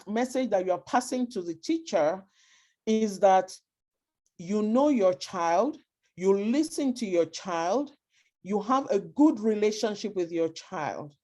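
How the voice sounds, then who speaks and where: A woman with a Nigerian accent gives an earnest, emphatic advice talk to immigrant parents, repeating her key points. She speaks a little slowly, with lively intonation and a warm, medium-pitched voice.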